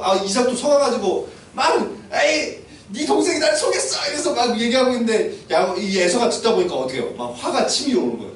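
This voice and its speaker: A man's voice: sits high, slight background noise. A man preaching a youth sermon, telling a story and asking his listeners questions. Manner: animated, asks listeners questions, acts out scenes. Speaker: pastor. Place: church hall. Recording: echoey room, mic at a distance.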